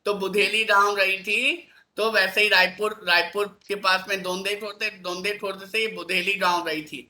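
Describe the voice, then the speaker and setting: A man's voice: sits high, level tone, normal speed, pushed and bright. A male teacher giving a classroom lesson, coaxing his pupils with constant questions like "isn't it?". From India.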